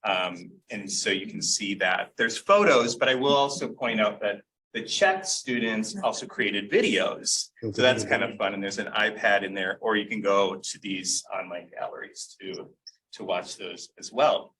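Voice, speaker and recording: Bright-voiced man, distant mic. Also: on the low side, unhurried. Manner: reflective, with fillers. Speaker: exhibit organizer. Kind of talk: event presentation speech. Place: event room. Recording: distant mic with faint room noise.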